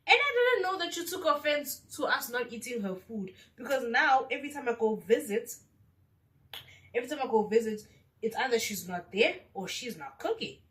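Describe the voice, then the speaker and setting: A woman's voice: on the high side, lively intonation, moderate pace, a bit bright, far from the mic. A woman with a South African accent telling a casual storytime vlog, chatty and mixing in local slang. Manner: chatty, mixes local slang into her speech. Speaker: vlogger.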